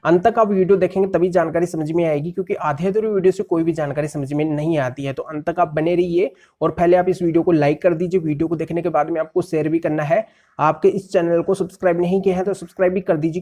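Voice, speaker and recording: A man's voice: on the high side, dark tone. A male lawyer explaining a court ruling step by step and rephrasing legal terms in plain words.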